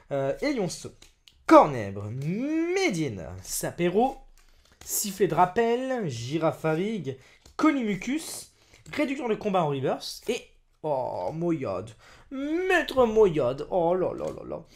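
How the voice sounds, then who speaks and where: A man opening trading card packs on camera, excitable and exclamatory, chatting to his viewers as friends. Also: high-pitched.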